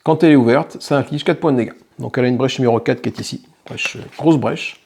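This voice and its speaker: A man's voice: mid-range voice, very fast, gravelly, a little mellow, slightly rough. A man hosting a tabletop game channel, casually explaining a solo playthrough and thinking aloud with small self-corrections. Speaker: board game channel host.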